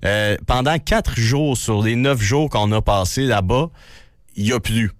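Young Québécois man with a deep bass voice. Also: measured pace, no echo, studio quality. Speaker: radio news reporter. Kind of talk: casual radio chat.

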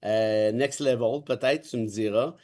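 Speaking a little slowly, this Québécois man in his 40s has a mid-range voice with a darkish tone. An expert in constitutional law, he offers his views in casual opinion talk that's emphatic, cynical and full of colloquialisms.

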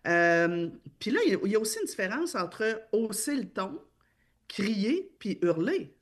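A woman with a Québécois accent explaining her views on parenting in a casual discussion, emphatic, with many fillers and restarts. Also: medium pitch. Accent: Québécois French. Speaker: parenting speaker.

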